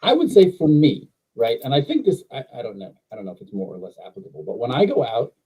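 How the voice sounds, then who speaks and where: A man on a live-stream panel talking in an animated, musing way with quick asides. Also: mid-range voice, slightly rough. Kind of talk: casual panel chat. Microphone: video call. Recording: dull lo-fi audio.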